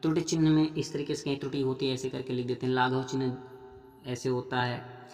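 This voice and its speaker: A man's voice: mid-range voice, level tone, fairly quick, darkish tone, echoey room, long reverb tail, faint music behind. A man teaching Hindi grammar for a police exam, patient and repetitive, with a regional Jharkhand accent. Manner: patient, addresses viewers as friends, repeats "theek hai". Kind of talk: explaining grammar practice questions.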